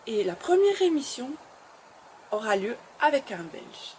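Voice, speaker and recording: A woman's voice: fairly high pitch, big pitch swings, measured pace, a little mellow, slight background noise. A woman hosting her web show, speaking to camera in an encouraging, emphatic way and often repeating phrases. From Belgium. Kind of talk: motivational address to camera.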